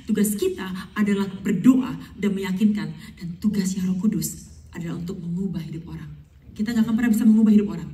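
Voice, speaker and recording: A middle-aged woman pastor preaching a sermon and telling her own testimony, animated, acting out her pleading in English. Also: medium pitch, fast talker, distant mic. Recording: roomy hall sound, voice from off-mic.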